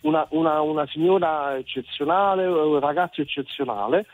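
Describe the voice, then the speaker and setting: A man's voice: a little high, normal speed, soft background music. A man from Naples, calling in to a radio show over a landline phone and speaking hesitantly, often restarting. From Naples, Italy. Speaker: caller, musician. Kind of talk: radio call-in comment. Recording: tinny phone line into radio studio.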